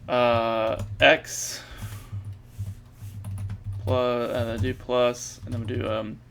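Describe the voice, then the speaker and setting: A man thinking aloud while he codes, halting and correcting himself, with many fillers. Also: medium pitch, little pitch movement, creaky, fairly bright tone, a little hiss or hum. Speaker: programmer streaming his coding practice. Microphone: earbuds mic.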